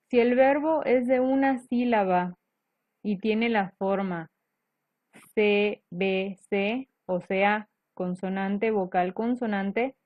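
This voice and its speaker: Teacher lady, slow and patient, explains step by step, dry muffled recording. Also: fairly high pitch, no echo. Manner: patient, step-by-step, frequent "ok?" checks. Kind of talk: explaining grammar to students.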